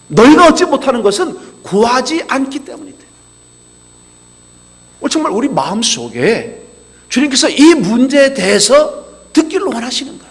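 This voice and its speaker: Lively, high-voiced pastor preaching in a hall. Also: male voice. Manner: acts out quoted voices in dialogue. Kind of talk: sermon. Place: chapel. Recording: reverberant chapel hall.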